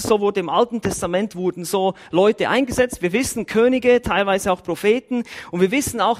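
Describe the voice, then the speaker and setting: High-voiced man preaching emphatically. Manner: emphatic, repeats and numbers his points, lively rises and drops in pitch. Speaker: church elder preaching. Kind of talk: Bible-teaching sermon.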